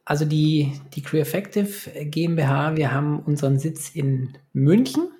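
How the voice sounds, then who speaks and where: A man's voice: a little high, expressive, a little slow, warm tone. A man in his forties from Munich answering as a podcast guest in casual talk, hesitant and repeating words as he searches for phrasing. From Munich, Germany. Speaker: podcast guest, business consultant and coach.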